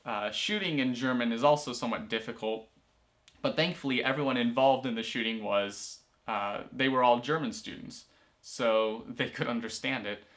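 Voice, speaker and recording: Tucked in the corner of a small room indoors, a teen vlogger and student filmmaker chats to the camera, stumbling through fillers and starting over often. He speaks at a moderate pace in a mid-range voice that's a bit bright.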